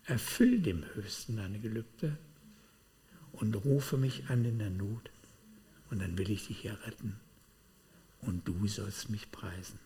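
Animated man preaching in a reverberant hall. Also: on the low side, takes it slowly, pauses often, slight background noise. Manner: animated, personal testimony with sudden swings in loudness. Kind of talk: sermon.

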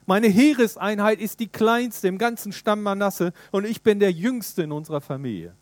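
A man's voice: high voice, moderate pace, dry recording, pitched above the performer's own voice, lightly acted. A man reading out the lines of a despairing young man who doubts and protests, in a raised, strained, pleading voice.

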